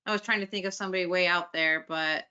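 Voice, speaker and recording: A woman hosting a webinar, enthusiastic and chatty and quick to laugh, heard over a video call. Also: on the low side, steady tone, pushed and bright, smooth, highs cut off. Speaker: webinar host. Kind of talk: hosted webinar conversation.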